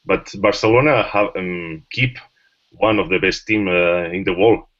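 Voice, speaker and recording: A man from Spain, speaking haltingly with many fillers as a panelist in a casual discussion. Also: deep voice, fairly bright tone. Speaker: journalist panelist. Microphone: video call. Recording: muffled online call audio.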